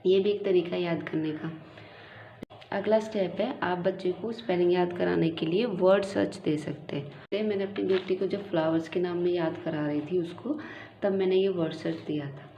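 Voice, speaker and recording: A woman's voice: lowish voice, dark tone. Woman sounding out spellings, echoey room. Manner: slow, sounds words out letter by letter. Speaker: teacher and channel host. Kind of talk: instructional explanation for parents. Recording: muffled, echoey room with faint hiss.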